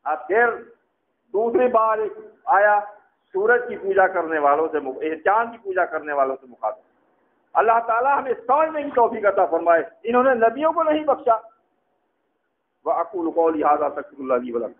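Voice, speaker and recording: A man's voice: high-pitched, expressive. A man preaching a sermon, explaining his points step by step, repeating them and acting out how intonation changes a sentence's meaning. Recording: tinny narrow-band radio-like recording.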